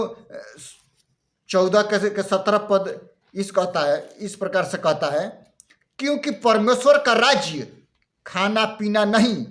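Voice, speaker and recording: A man preaching a Christmas sermon, fervent and reading scripture verses aloud. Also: sits high.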